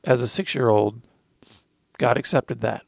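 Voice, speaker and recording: A man's voice: medium pitch, steady tone, measured pace, creaky, dry recording. A man in his thirties co-hosting a faith-based talk, earnestly telling his recovery story and quoting scripture with emotion. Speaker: podcast co-host sharing recovery testimony.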